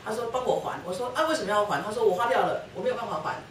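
At a church lecture, a woman shares her personal testimony as a guest speaker with her husband, telling her story and acting out quoted dialogue. Her voice is on the high side and racing, recorded in a roomy, echoey hall with a distant mic and faint noise.

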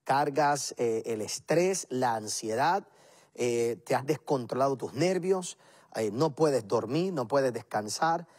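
A man's voice: mid-range voice, darkish tone. A man, a pastor, preaching and praying on a televised program, earnest and building his points in emphatic repeated lists. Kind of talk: televised sermon and prayer.

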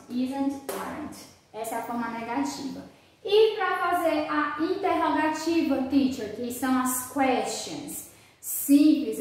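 A high-pitched woman teacher walks through grammar in a video lesson. She drawls her model sentences slowly and carefully, then answers her own rhetorical questions. The sound rings around a very echoey room. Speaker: English teacher.

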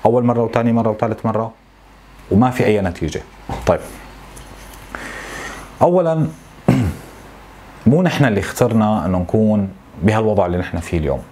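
A man in his thirties with a Syrian Arabic accent, venting to camera in a frustrated, complaining way, with halting repetitions. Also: fairly low pitch, warm tone, slight background noise. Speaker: tech YouTuber. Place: small home office, indoors.

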